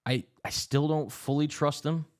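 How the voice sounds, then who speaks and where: A young man co-hosting a casual sports podcast, running through rankings in a quick broadcaster's manner. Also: fairly high pitch, steady tone. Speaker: podcast co-host.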